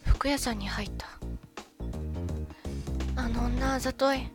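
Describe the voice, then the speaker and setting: A woman plays a young wife in an amateur radio drama, loving yet jealous and suspicious, and she often talks to herself expressively. Her voice sits high and moves a little slowly, carrying jealousy and hurt. Music plays in the background.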